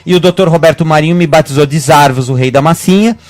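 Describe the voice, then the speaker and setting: A Brazilian man, a guest medium, talking fast in a rambling way with many restarts on a web radio show. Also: on the high side, soft background music. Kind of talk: casual radio talk.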